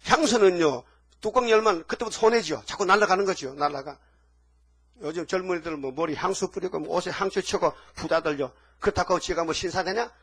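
A man's voice: sits high, brisk, a bit bright, husky. A male pastor preaching a fervent sermon, scolding and firing rhetorical questions at the congregation.

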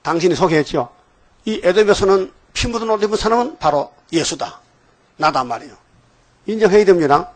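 A man's voice: sits high, lively intonation, fairly quick. A middle-aged man preaching a sermon in a church, peppering his congregation with rhetorical questions and folksy asides. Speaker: pastor.

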